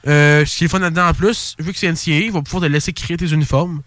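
A young man with a Québécois accent hosting a casual sports podcast, excitable and slangy, swearing freely. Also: fairly high pitch, very fast, background noise. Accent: Québécois French. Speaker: podcast host.

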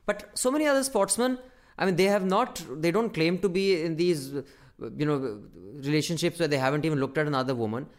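A man's voice: on the high side, fairly quick. A man with a North Indian accent chatting casually and emphatically as a podcast co-host, swearing freely. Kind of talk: casual opinionated chat.

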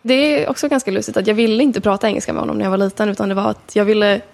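A woman in her twenties, a podcast guest telling stories in casual chat with quick tangents. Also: mid-range voice, steady tone, gravelly, darkish tone. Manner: chatty storyteller, quick tangents.

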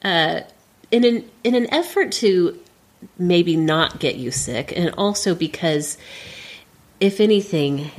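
A woman's voice: on the low side, lively intonation, slow pace. A woman hosting a casual podcast in playful, teasing banter, her voice congested and stuffy from a cold. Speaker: podcast host.

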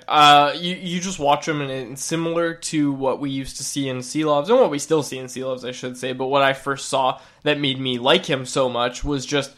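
A man with a stuffy, nasal voice from a lingering cold talks in an eager, fast podcast chat. His voice sits a bit above the usual male range, and he often restarts his sentences as he gets excited. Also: on the high side. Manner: quick, excitable, trailing restarts. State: sick, recovering from a cold. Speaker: podcast co-host. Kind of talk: casual sports podcast chat.

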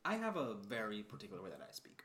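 A man's voice: fairly low pitch, huge pitch swings, fast talker, fairly bright tone, slight background noise. A man in his twenties co-hosting a podcast, joking and playfully defending himself in casual banter. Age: 20s. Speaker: podcast co-host. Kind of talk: casual chat.

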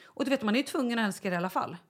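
Pregnant woman, podcast co-host, animated storyteller, casual chat. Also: on the high side. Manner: animated storytelling, acts out quotes.

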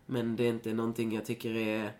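A woman's voice: a bass voice, monotone, a little mellow. Young woman guest just rambling, lots of um and like, swears a bunch. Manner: rambling, many fillers, swears freely. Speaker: podcast guest. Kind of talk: casual chat.

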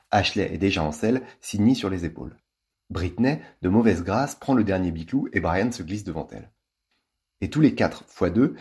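Lively, husky-voiced man reading a story. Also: deep voice. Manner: lively, playful. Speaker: storybook reader. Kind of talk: expressive reading of a children's novel.

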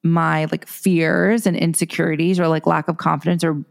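A podcast co-host from Los Angeles, a young woman, chats casually in a deep, creaky voice with little pitch movement at a normal speed. Her talk rambles, packed with fillers and restarts.

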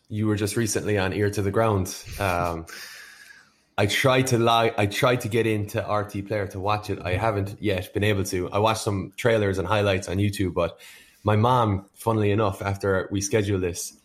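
A man's voice: on the low side, steady tone, moderate pace. A man hosting a podcast in a casual, informal and self-deprecating way. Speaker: podcast host. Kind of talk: casual chat.

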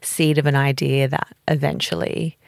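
Australian woman interviewer, low and gravelly voice, dry close sound, chatty. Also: flat delivery, normal speed, dry recording. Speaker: interview host. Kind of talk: casual conversational interview.

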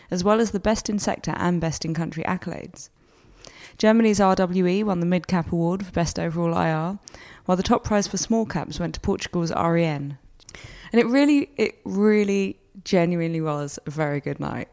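A woman hosting a magazine podcast conversationally, her voice somewhat gravelly and slightly tired. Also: on the low side, a little mellow. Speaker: podcast host.

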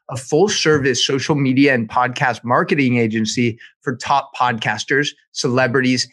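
Energetic man hosting a podcast. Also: medium pitch. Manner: energetic, motivational. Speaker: podcast host. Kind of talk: podcast intro and interview.

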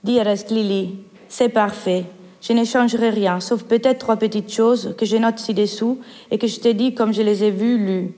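A woman reading letters aloud in a measured, literary way, as part of a poetry performance. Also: a little high, steady tone, mellow. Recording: long hall reverb.

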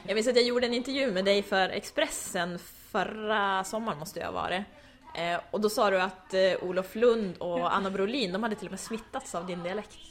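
Female interviewer, broad northern Swedish dialect, chatty and casual. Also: mid-range voice. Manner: chatty, brief backchannels. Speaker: interviewer, journalist.

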